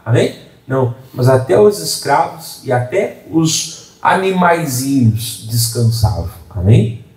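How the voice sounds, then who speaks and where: A man's voice: medium pitch, darkish tone. A man preaching a sermon as pastor, chatty and full of "amém?" and "né?" asides. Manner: conversational preaching with frequent "amém?" and "né?" asides to the congregation. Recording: echoey room, voice from a distance.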